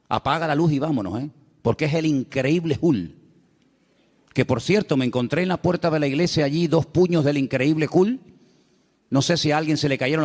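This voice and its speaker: A male pastor with a Canarian accent, preaching a sermon in a church, folksy and full of rhetorical questions. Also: high voice. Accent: Canarian Spanish. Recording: long reverb of a church hall.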